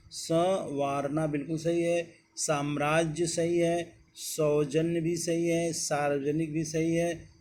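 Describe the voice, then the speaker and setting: A man's voice: on the high side, darkish tone, slight background noise. A man teaching an exam-prep spelling lesson, reading out words one at a time and correcting each one. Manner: slow, deliberate dictation of words one by one.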